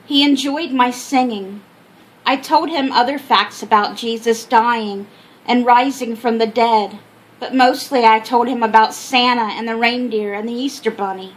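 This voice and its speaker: An older woman with an American accent reading her own memoir aloud as an expressive storyteller. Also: on the high side, measured pace, low-quality recording. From Minnesota, United States. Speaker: author telling her life story. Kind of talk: scripted memoir narration.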